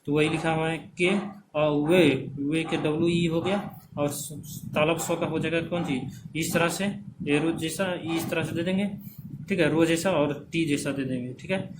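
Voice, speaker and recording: A man teaching English phonetic transcription, repeating words slowly as drills and checking in often. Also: on the high side, fairly even intonation. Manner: checks in often with "theek hai". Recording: background noise.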